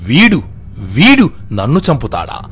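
A man voicing an arrogant, scornful king who taunts in a raised, loud voice while narrating a story. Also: mid-range voice, huge pitch swings, a little slow, breathy edge, exaggerated voice. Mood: scornful taunting.

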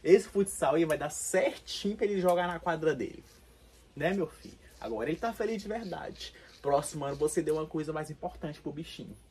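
A man's voice: on the high side, lively intonation, brisk, darkish tone, a little hiss or hum. A man playing an aunt in a comedy sketch who lectures her parents indignantly. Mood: pleased.

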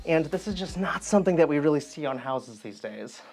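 A man's voice: a little high, expressive, fairly quick, vocal fry, darkish tone, soft background music. Enthusiastic man guiding a house tour. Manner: enthusiastic, guiding viewers room to room. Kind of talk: walking house tour narration. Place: empty old house, indoor rooms.

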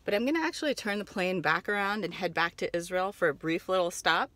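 A woman's voice: lowish voice, fast talker, a bit bright, no echo. A woman in her thirties with an American accent, hosting a comedic vlog monologue from inside a car. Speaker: host. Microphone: phone at arm's length.

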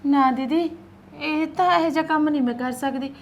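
An actress playing a patient, childless young wife who pleads softly with her family. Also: high-pitched, fairly even intonation, moderate pace, dull audio. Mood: pleading. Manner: pleading, soft-spoken. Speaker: actor. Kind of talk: Punjabi short film acting.

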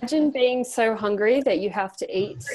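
A young woman with a slightly high, slightly mellow voice reads a prepared text at normal speed while encouragingly coaching a group practice exercise. She's on a video call in a small indoor room, and her computer microphone yields a rough recording with some hiss or hum.

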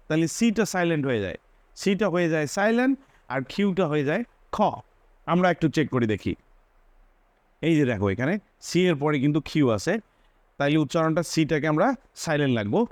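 A man's voice: a little high, lively intonation, a little fast, a little mellow, dry recording. A man teaching English pronunciation, repeating each example word several times and pointing things out. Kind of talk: spoken English pronunciation lesson.

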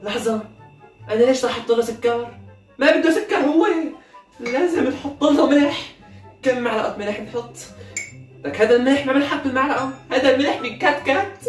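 A man's voice: very high voice, a little fast. A man with a Syrian accent in a comedy sketch, playing a mischievous son who plots pranks and mutters to himself. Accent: Syrian Arabic. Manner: mischievous, playful, scheming. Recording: echoey room, faint music.

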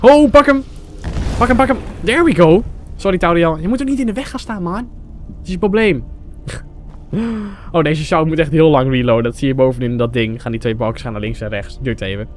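A young Dutch man casually commentating his gameplay for viewers, excitable and chatty, often tossing in English phrases. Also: mid-range voice, fairly quick. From Netherlands. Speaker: gaming YouTuber. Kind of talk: Let's Play commentary.

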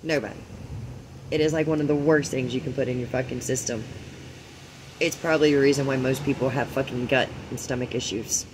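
A man delivering a ranting monologue vlog, swearing heavily and swinging between a hushed murmur and loud outbursts, full of preachy rhetorical questions. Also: mid-range voice, steady tone, brisk, noisy background. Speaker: vlogger.

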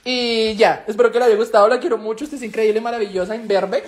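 A man's voice: high-pitched, fairly even intonation, fast. Gushing young Colombian man streaming live. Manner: theatrical, gushing, swears freely. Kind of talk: casual live stream chat.

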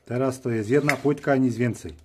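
A video host at a cluttered indoor workbench mutters short phrases to himself as he works, giving informal running commentary. He has a medium-pitched voice and talks a little fast. Clicks and noise from his tools and parts are clearly heard in the background.

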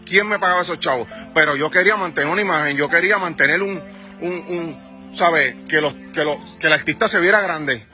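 A Puerto Rican man in his forties, a music manager, rants angrily into his phone held at arm's length on a sunny residential street outdoors. His voice is fairly high, a little fast, bright and forceful, with a Puerto Rican Spanish accent, and he fires rhetorical questions at his followers in a heated selfie-video rant.

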